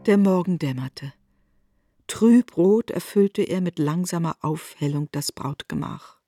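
A man narrating a literary radio drama in a measured, formal way. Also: a little high, warm tone, no room sound, faint music behind.

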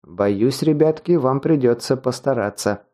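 A man's voice: mid-range voice, measured pace, warm tone, close to an everyday voice. A man reading as a sardonic bearded swordsman. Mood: wry. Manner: wry and condescending, angry when wronged.

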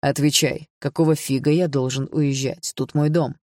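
An audiobook reader voicing a blunt, defiant young man who answers calmly and curtly, recorded dry and close. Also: mid-range voice, normal speed, dry recording, natural voice. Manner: curt, calm, defiant. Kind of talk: audiobook character voice.

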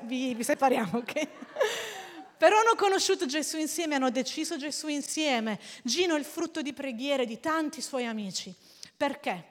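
A woman delivers a sermon in a high, bright voice. She tells stories in an animated way and often laughs along the way. Her voice rings out with a long reverb through a church hall. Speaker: preacher.

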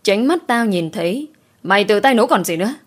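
A woman's voice: expressive, fairly quick. A woman voicing a spiteful scheming house servant who talks rudely and defensively. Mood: defiant. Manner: shrill, rude, defensive.

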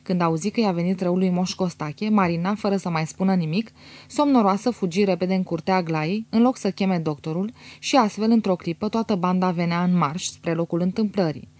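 A woman reading a novel aloud as an audiobook narrator, steady and measured. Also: fairly low pitch, no room sound.

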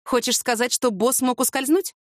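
A woman voicing a sharp-tongued young heroine who is easily frightened, speaking higher than her narration. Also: moderate pace, dry recording, studio quality, lightly acted. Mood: irritated. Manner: raised pitch, excitable.

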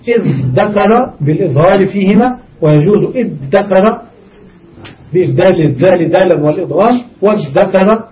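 A man's voice: high-pitched, recorded from a distance, a little hiss or hum. A man teaching a grammar lesson, explaining step by step, repeating examples and asking his students questions. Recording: dull recording from off-mic.

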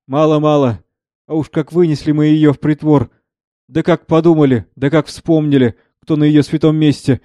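A man reading the part of a pious old monastery monk, slow and sing-song, scornful in turns. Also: on the high side, dark tone, no echo, close to an everyday voice.

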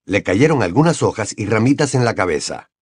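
A man's voice: lowish voice, brisk, breathy edge, no room sound, clean studio sound. A man narrating an audiobook expressively. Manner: expressive storytelling.

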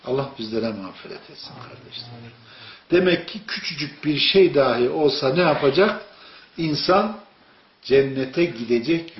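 A man preaching an informal sermon to a small group, telling stories and asking his listeners questions. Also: on the high side. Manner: storytelling, asks the audience questions. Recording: echoey room, dull lo-fi sound.

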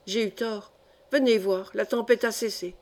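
A woman's voice: medium pitch, steady tone, normal speed, darkish tone, natural voice. A woman reading the lines of a brooding male astronomer in an audiobook, curt and grumbling. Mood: grim. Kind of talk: audiobook character voice.

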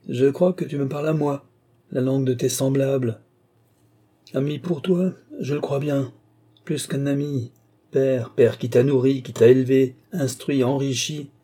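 Guy putting on a raging old alchemist for an audiobook, high-pitched shrieky rant, dark husky edge under it. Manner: shrill ranting invective. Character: ancient furious male alchemist master.

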